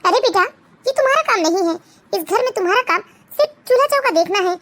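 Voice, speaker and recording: A woman's voice: very high-pitched, expressive, fast talker, a bit bright. A woman voicing a kindly but bossy middle-aged mother-in-law in a cartoon. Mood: fond. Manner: fond, bossy. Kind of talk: Hindi cartoon voice acting.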